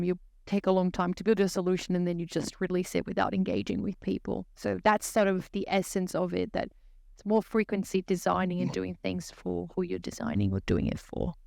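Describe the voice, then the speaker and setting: A woman with a Brazilian accent, explaining her ideas in a thoughtful, measured way as a podcast guest. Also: on the low side, creaky, darkish tone, no room sound, clean studio sound. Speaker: guest consultant. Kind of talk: podcast interview.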